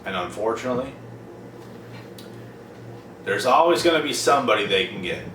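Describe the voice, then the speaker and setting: A man's voice: mid-range voice, animated, moderate pace, fairly bright tone, recorded from a distance. A young man, ranting bluntly and profanely in a casual vlog, repeating himself for emphasis. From Prince Edward Island, Canada. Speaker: vlogger. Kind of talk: casual monologue to camera. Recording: roomy, off-mic, noisy background.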